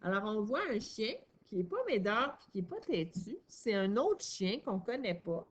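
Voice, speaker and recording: A woman's voice: mid-range voice, sing-song, moderate pace. A woman teaching a young child to read, patient and encouraging, stressing each sound and syllable. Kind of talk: reading lesson for a young child.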